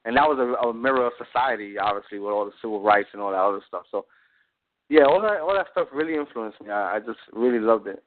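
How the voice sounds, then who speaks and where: A man from Puerto Rico who grew up in Brooklyn talks as a guest director, lively and quick to joke. He sounds thin and boxy, heard down a phone line. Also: lowish voice, a little hiss or hum. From born in Puerto Rico, raised in Brooklyn. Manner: lively, jokey, quick to laugh. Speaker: director of a web series. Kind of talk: casual interview chat. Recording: tinny phone-line audio.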